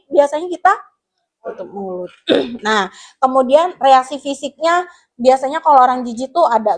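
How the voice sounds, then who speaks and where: A woman with a high voice teaches a classroom guidance lesson, taking the pupils through each point in turn. She keeps asking the class questions and addresses them warmly as children, with the patient manner of a school counselor. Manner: explains to pupils, asks the class questions, calls them "Nak".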